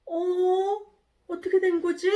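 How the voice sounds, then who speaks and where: A woman voicing the prophet Jonah as an excitable, easily angered man, exclaiming loudly in a children's Bible story. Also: natural voice. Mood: delighted, astonished. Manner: high, loud childlike exclaiming, quick to anger.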